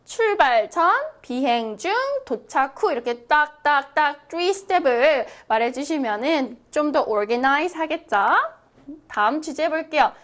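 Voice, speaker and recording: A young woman teaching an online English lesson, lively and encouraging, reading example phrases slowly for students to repeat. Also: sits high. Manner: lively, encouraging, checks in with "right?" often.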